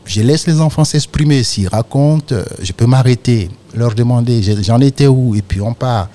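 A man with an Ivorian accent, a storyteller and actor, talking in a radio interview in a lively, animated way. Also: medium pitch, normal speed. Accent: Ivorian French. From Côte d'Ivoire. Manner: lively storyteller, animated when describing his craft.

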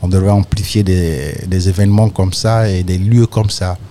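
A man with an Ivorian accent speaks in a low, mellow voice. He is a storyteller being interviewed on the radio, and he talks in a lively, animated way. Faint ambient noise sits behind him. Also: moderate pace. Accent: Ivorian French. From Côte d'Ivoire. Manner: lively storyteller, animated when describing his craft. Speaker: storyteller and actor.

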